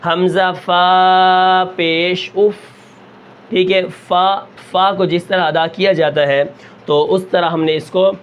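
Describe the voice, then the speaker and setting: A man with a Pakistani Urdu accent teaching Quran reading, drawing out each example syllable slowly and then asking and answering his own questions. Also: high-pitched, fairly even intonation, lo-fi sound. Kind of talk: slow drilled lesson with rhetorical questions.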